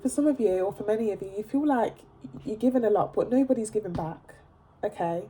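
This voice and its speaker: A woman's voice: mid-range voice, brisk, warm tone, slight background noise. A woman with a blocked nose giving a casual tarot reading to camera, chatty and emphatic, often checking in with "okay?". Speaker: tarot reader.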